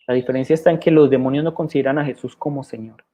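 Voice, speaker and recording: A pastor with a Colombian accent preaching a sermon, repeating key phrases and posing rhetorical questions. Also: male voice, medium pitch, steady tone, very fast, mellow. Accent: Colombian Spanish. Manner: emphatic repetition and rhetorical questions.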